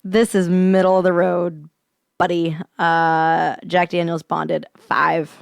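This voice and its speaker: A woman's voice: lowish voice, flat delivery, takes it slowly, vocal fry, no echo, clean studio sound. A young woman co-hosting a whiskey podcast, chatting casually, blunt and teasing with frequent laughs. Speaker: podcast co-host. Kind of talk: casual chat and whiskey review.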